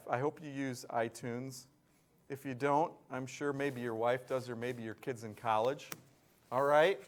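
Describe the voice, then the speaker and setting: Upbeat man reading school announcements. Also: a little high. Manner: upbeat, rattles off long lists of names, bursts of excitement. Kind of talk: live school morning announcements.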